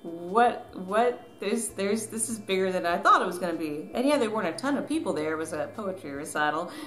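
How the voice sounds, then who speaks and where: Brisk and animated, with a medium-pitched, somewhat bright voice, a southern woman in her thirties from Tennessee and Georgia tells the camera a personal story. This author and vlogger keeps it casual and self-deprecating. Echo and background noise fill the recording from her small living room at home.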